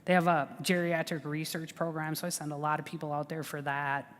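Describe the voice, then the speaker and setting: A veterans service officer, a woman with a big, deep voice, gives informal advice on veterans benefits, chatty and reassuring and full of fillers and restarts. She talks fairly quickly with little pitch movement, and a long reverb tail trails her words.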